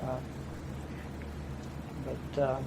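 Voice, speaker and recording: Speaking very slowly in a somewhat mellow voice, a veteran in his fifties with an East Tennessee accent plainly tells his life story for an oral history interview. He has a folksy storytelling style with restarts, and the room recording is noisy.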